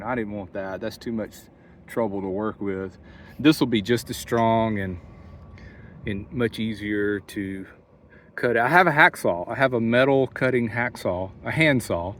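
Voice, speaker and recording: A man's voice: unhurried, a bit bright. A man narrating a casual do-it-yourself vlog, thinking aloud in a folksy way as he works outdoors. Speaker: vlogger. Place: outdoors beside a van near a highway, windy. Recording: wind and highway noise outdoors. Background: wind and interstate traffic.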